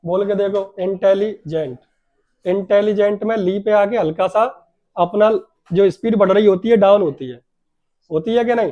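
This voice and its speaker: A high-voiced male teacher leads a grammar lesson. He keeps putting questions to his class and then answering them himself, stretching out key words to stress them.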